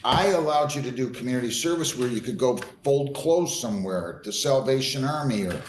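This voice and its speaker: A man's voice: mid-range voice, lively intonation, a little fast. An American man presides as a judge in a courtroom, speaking in a firm, formal way. He lays out procedure and puts plain questions. The room is echoey, with faint noise behind him. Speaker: judge presiding over hearings.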